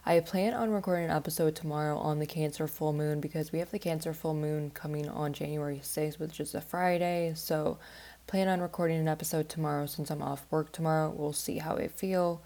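On her astrology podcast, a woman rambles through a casual monologue, peppering it with "like" and other fillers. Her low, mellow voice stays fairly even in intonation and moves at a brisk clip, and her nose sounds stuffed up from a recent flu.

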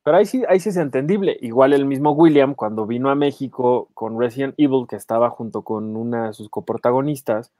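A man with a Mexican accent co-hosting a podcast, telling anecdotes in a lively, casual way and acting out voices. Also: medium pitch, brisk, hardly any pauses, no room sound, studio quality. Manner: animated anecdotes, acts out quoted voices. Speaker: podcast co-host, film journalist. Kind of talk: casual chat, storytelling.

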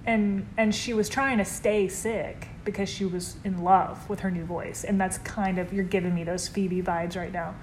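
A woman's voice: mid-range voice, fairly even intonation, normal speed, hardly any pauses, a little mellow, slight background noise. A woman co-hosting a podcast at home on the couch, chatting in an easygoing, giggly way. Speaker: podcast co-host. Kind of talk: casual chat.

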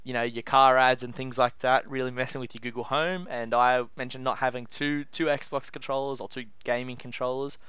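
A man's voice: medium pitch, level tone, a little fast, hardly any pauses, fairly bright tone, clear, resonant tone, no echo, dull audio. A man with an Australian accent co-hosting a casual podcast, given to mock-outraged, swearing rants. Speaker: podcast co-host. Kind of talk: casual chat.

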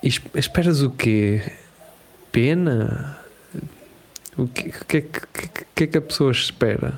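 Animated Portuguese man chatting casually. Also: medium pitch, measured pace, creaky. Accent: European Portuguese. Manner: animated, laughing, slangy, acts out quoted voices. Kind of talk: casual chat.

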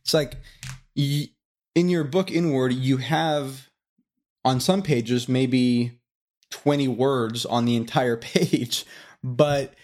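A man's voice: medium pitch, steady tone, slow, darkish tone. A male podcast host asking questions casually, often repeating words as he restarts his sentences. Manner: stammering repeats, friendly questions. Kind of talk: casual interview.

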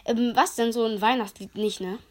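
Young woman w/ a pretty high voice, giggly and slangy, making fun of herself. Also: steady tone, normal speed, a loud crowd. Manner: giggly, self-mocking, slangy. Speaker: podcast co-host. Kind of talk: casual chat, New Year quiz.

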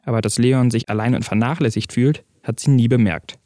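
Male storyteller, calm even scripted narration, mid-range voice, dry close mic. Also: medium pitch, fairly quick, dry recording.

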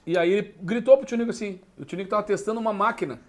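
High-voiced gaúcho man telling stories. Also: rapid-fire. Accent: Gaúcho Portuguese. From southern Brazil. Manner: animated storyteller, acts out voices, laughs often. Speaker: musician guest. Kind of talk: casual storytelling chat.

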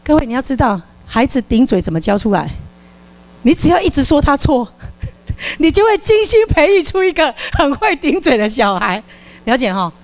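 During a live parenting talk, a woman from Taiwan speaks at a moderate pace in a high-pitched voice. She's animated, staging a role-play with a volunteer in which she delivers a scolding parent's lines.

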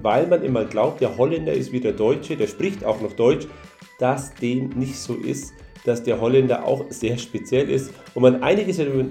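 A man hosting his own podcast, relaxed and joking as he talks with his guest. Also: mid-range voice. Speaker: podcast host.

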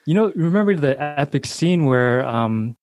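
A man's voice: fairly high pitch, lively intonation, measured pace, darkish tone, dry recording. A man in a casual podcast debate, speaking enthusiastically with frequent fillers.

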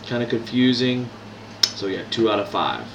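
A man's voice: mid-range voice, animated, normal speed, background noise. A man hosting a podcast, giving a casual movie review with frequent ums and restarts. He has no proper microphone, so his voice sounds echoey. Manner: hesitant, many ums and restarts. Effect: echoey room sound. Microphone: no proper microphone, built-in device mic. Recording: echoey room, voice far from mic.

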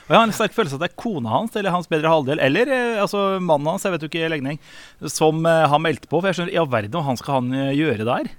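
Higher-voiced radio host, dry sound. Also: male voice, animated, dry recording. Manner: leads the show, reads listener messages. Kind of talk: hosting a radio show.

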